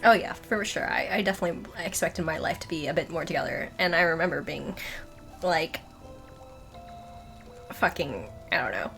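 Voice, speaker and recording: A woman's voice: deep voice, animated, normal speed, creaky, long pauses, a bit bright, soft background music. A woman in her twenties chatting casually while gaming, self-mocking, swearing and laughing often. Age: 20s. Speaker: streamer.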